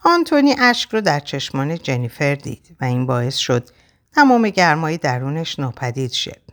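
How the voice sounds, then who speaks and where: A woman narrating a novel as an audiobook in a measured, expressive reading. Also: low voice.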